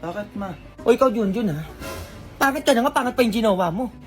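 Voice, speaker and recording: A woman's voice: on the high side, expressive, quick pace. A woman from the Philippines performing brash, bickering comedy skit dialogue, teasing and scolding. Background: background music.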